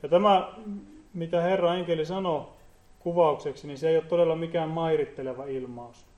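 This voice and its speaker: A man giving an earnest Bible teaching, often pausing and repeating words as he explains. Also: fairly high pitch, steady tone, roomy sound, lo-fi sound. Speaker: preacher.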